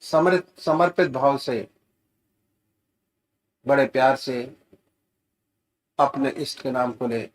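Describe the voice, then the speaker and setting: A man giving gentle, soothing guided meditation instructions as a spiritual teacher. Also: mid-range voice. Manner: slow, gentle, soothing guidance with rising emphasis.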